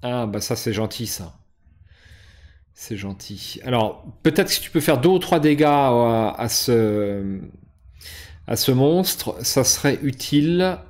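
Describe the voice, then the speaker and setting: A man's voice: medium pitch, expressive, slow pace, a little mellow. A man hosting a board game session, casually explaining rules and moves with frequent hesitations and restarts. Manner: hesitant, many fillers and restarts. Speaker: board game channel host.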